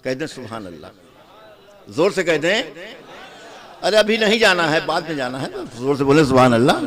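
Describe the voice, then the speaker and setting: A man preaching a sermon at a gathering, quizzing the crowd and swinging from loud to soft. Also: a little high, big pitch swings, moderate pace. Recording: live gathering with audience.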